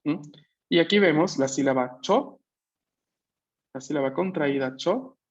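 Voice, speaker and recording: A man's voice: a little high, a little slow. Patient male teacher on a video call. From Peru. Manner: patient, repeats and checks understanding. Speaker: language teacher. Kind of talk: online class explanation. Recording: slightly muffled video-call audio.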